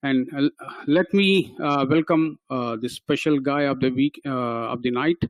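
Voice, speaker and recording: A man's voice: mid-range voice, unhurried, no room sound, highs cut off. A man hosting a casual radio sports talk show, who often stops and restarts his sentences.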